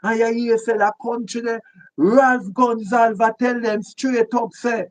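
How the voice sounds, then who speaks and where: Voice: medium pitch, steady tone, measured pace. A commentator with a Jamaican accent giving emphatic political commentary in patois, repeating points for stress. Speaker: online commentator.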